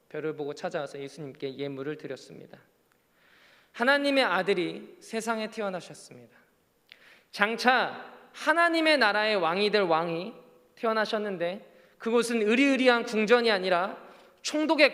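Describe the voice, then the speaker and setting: A man's voice: high-pitched, a bit bright, in a large hall. A male pastor preaching a sermon in an earnest style, with rising and falling emphasis. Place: church sanctuary.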